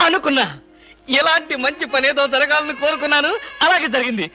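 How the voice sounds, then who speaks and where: A man's voice: very high voice, steady tone, quick pace, pushed and bright, exaggerated voice. A man playing a cheeky, flirtatious married man in a film comedy, teasing with playful wordplay over a faint music bed. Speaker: comic lead actor in a film.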